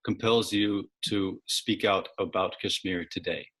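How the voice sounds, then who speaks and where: A man hosting an interview, asking measured questions and rephrasing them carefully as he goes. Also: sits low, fairly even intonation, fairly bright tone.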